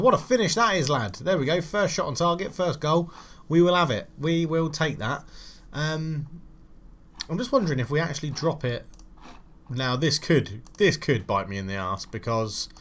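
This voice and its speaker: A young man talks through his football management save in a mid-pitched, everyday voice. He grumbles, swears and bursts out loudly at his players, then drops back into casual chat. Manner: frustrated, swears, loud outbursts at his team. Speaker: gaming channel host. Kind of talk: casual game commentary.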